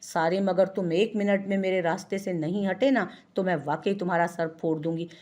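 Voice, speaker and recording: A woman's voice: lowish voice, steady tone, normal speed, darkish tone, lightly acted. A woman reading the lines of a hot-tempered young woman who scolds and threatens in an irritated way. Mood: annoyed.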